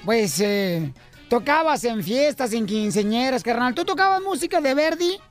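A man hosting a comedic radio show, joking fast and calling his listeners paisanos. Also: very high-pitched, lively intonation, soft background music.

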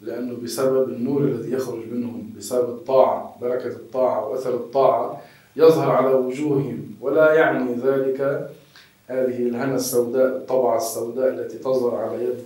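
A man with a Levantine Arabic accent, a religious scholar giving measured, emphatic answers to questions. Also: mid-range voice, steady tone, warm tone. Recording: echoey room, distant mic.

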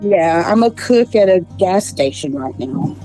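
A woman speaking in a casual interview, weary and halting. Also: lowish voice, animated, mellow, faint music behind. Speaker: mother of the accused family.

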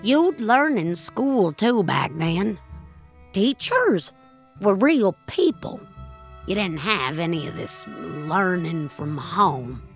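Over faint music, a woman delivers a dramatic audio-fiction monologue as an angry, nostalgic elderly woman. Her lowish voice is animated and slow, emphatic, impassioned and wistful, and she swears plenty.

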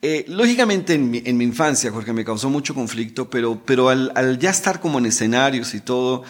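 A man's voice: mid-range voice, lively intonation, a little fast. A middle-aged man, a guest telling his story in an emotional way, repeating words and adding tag questions. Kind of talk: storytelling interview talk.

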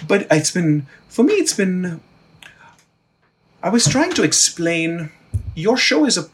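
A man's voice: high voice, takes it slowly. A middle-aged man from India, an actor talking bluntly and with animation in a casual conversation. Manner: blunt, animated, swears freely. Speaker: actor, guest.

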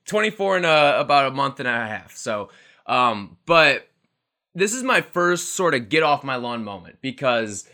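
Sharp in tone and medium in pitch, this twenty-something co-host rambles chattily on a casual sports podcast. He often laughs at his own remarks.

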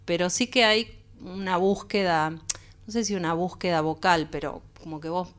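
Chatting in a radio studio interview, an Argentine woman singer with a Buenos Aires Spanish accent, raised partly in Peru, rambles casually and keeps tagging "viste." Her smooth, lowish voice has a fairly bright tone and a normal speed.

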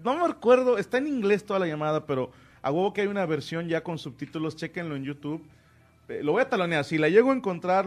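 A man with a Mexican accent hosting a casual podcast, retelling a crude radio prank call with lots of swearing. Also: a little high. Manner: laughing, swears a lot, acts out quoted voices. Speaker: podcast host. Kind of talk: casual crude storytelling chat.

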